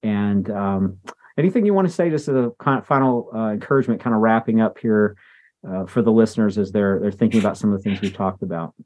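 A man hosting a podcast interview, speaking in a somewhat low voice. He is conversational and affirming, reflecting thoughtfully on his guest's points. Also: fast talker, a little mellow. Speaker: podcast host.

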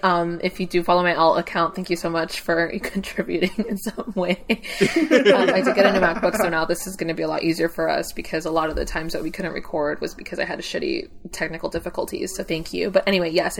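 Woman, hoarse, raspy, worn-out voice, slightly low pitch, informal podcast chat, self-deprecating. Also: fairly even intonation, fast. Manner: informal, self-deprecating, hedging with frequent 'like'. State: hoarse, voice lost from singing karaoke. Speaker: podcast co-host. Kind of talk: casual chat.

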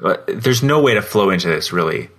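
A Canadian man with a very deep yet bright, forceful voice co-hosts a podcast. He chats casually, laughing often and feeling his way through his words. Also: lively intonation, a little fast, creaky, breathy edge. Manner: laid-back and laughing, searching for words. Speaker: podcast co-host.

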